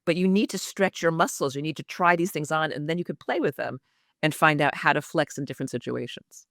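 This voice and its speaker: A woman whose voice sits low but a bit bright talks slightly fast, recorded at studio quality without echo. She is an executive communication coach giving a podcast interview, emphatic and expressive, with a trained actress's practiced delivery.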